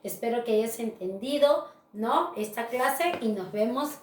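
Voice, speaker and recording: A woman teacher gives a recorded grammar lesson, explaining slowly and patiently and often checking in with her students using "¿verdad?" tags. Her voice is on the high side with lively intonation, and it sounds reverberant and distant.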